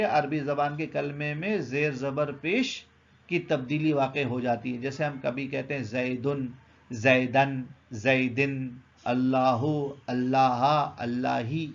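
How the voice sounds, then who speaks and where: Gravelly man teaching a grammar lesson. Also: on the high side, lo-fi sound. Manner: explains patiently, asks and answers his own questions.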